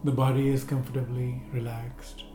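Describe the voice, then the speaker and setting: A man guiding a seated relaxation and breathing meditation, giving slow, calm, gentle instructions with long pauses. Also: medium pitch. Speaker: meditation guide. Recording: roomy echo with faint music.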